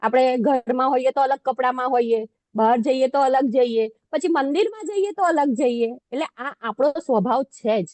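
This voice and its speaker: High-voiced woman giving a devotional class. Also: lively intonation, moderate pace, hardly any pauses, darkish tone, dry recording. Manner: conversational, self-deprecating, asks the audience questions.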